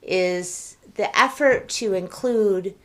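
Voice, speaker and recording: A woman's voice: mid-range voice, takes it slowly. A woman co-hosting a podcast, speaking in an earnest, emphatic way. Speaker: podcast co-host. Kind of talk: casual podcast discussion.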